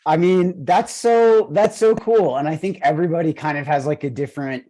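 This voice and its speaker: Over a video call, a man with an Argentinian accent hosts a running coaching podcast and interviews an athlete. His voice is a little high and warm, at a normal speed, and he rambles enthusiastically with plenty of fillers.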